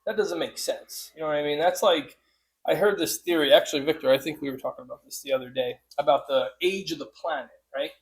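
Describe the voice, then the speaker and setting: A man's voice: fairly high pitch, fast talker, rough recording. A man hosting a podcast in a casual, rambling way, ranting and swearing freely. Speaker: podcast host.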